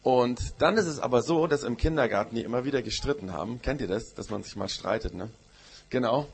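A man's voice: mid-range voice, fairly quick, slightly rough. A man, a pastor telling a Bible story to children in church, with many questions to them. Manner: storytelling to children, asks questions, uses "gell".

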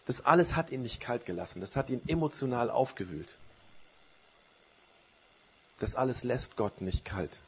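A man preaching a sermon, retelling a Bible story with a storyteller's rise and fall and dropping low for quoted words. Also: expressive, normal speed, pauses often, a bit bright, slightly rough.

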